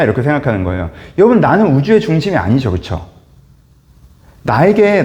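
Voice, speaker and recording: Lively, high-voiced Korean pastor. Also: male voice. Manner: keeps asking listeners for agreement with rhetorical tag questions; acts out quoted speech with lively shifts. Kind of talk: conversational Bible study teaching.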